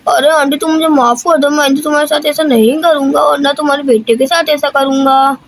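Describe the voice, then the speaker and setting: A woman's voice: high voice, steady tone, brisk. A woman voicing a mischievous little boy in a cartoon, pleading and making excuses. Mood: apologetic. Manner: pleading, defensive. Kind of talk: cartoon voice-over.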